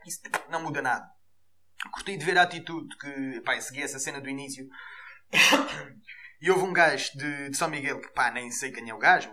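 A man with a European Portuguese accent hosting a podcast, delivering an animated, profane comic rant. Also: on the high side. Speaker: podcast host.

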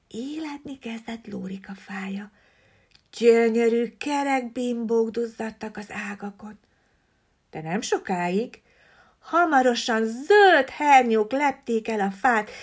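A woman reading a children's story aloud, expressive and often dropping to a breathy hush. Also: on the high side.

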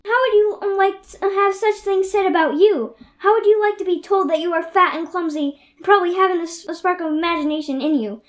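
A woman's voice: sits high, normal speed, darkish tone, lightly acted. A young woman voicing a fiery, imaginative orphan girl in an amateur radio play. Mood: furious. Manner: dreamy then explosively furious.

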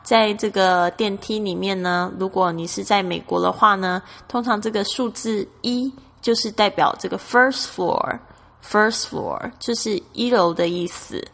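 A woman's voice: mid-range voice, a little slow, gravelly, a bit bright, in a large hall. A woman from Taiwan with a Taiwanese Mandarin accent, patiently explaining English words and spelling them out as a teacher. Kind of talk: explanatory lesson narration.

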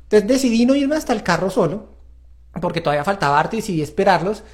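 A parenting show host with a high, sing-song voice talks fast while leading a faith-based parenting talk. He addresses viewers directly, in an earnest and confessional tone.

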